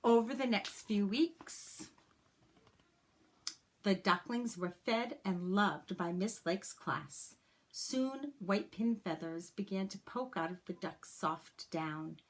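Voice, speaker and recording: Here a woman of medium pitch reads a picture book to young children in a teacher's manner. Each line is delivered with deliberate expression, and she chats to her audience with little personal remarks.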